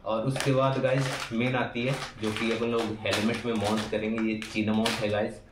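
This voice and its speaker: A man's voice: on the low side, level tone, normal speed, background noise. A young man chatting casually to viewers in an unboxing vlog, recorded on an earbud mic in a small indoor room. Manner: chatty, addresses viewers as guys. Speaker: vlogger. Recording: roomy, far from mic.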